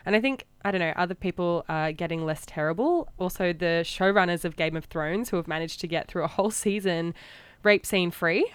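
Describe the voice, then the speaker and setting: A woman's voice: lowish voice, brisk, clear, resonant tone, no room sound. An Australian woman co-hosting a radio show, chatting casually, often laughing and hedging with "I don't know.". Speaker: radio co-host. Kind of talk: casual chat.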